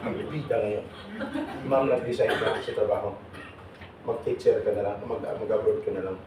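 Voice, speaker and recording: A man leading a seminar for overseas workers, teasing and questioning the audience in a lively way. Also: fairly low pitch, moderate pace. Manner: teasing, jokey, calls on audience members. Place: large hall with audience. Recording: echoey hall, voice from far off, noisy.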